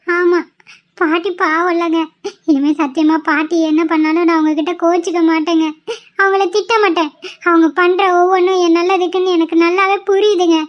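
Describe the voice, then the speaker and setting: A squeaky, very high-voiced young pregnant wife in a cartoon, as a woman acts her out. She pleads and scolds in an emotional, tearful way. The sound is dull and lo-fi. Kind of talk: cartoon voice acting.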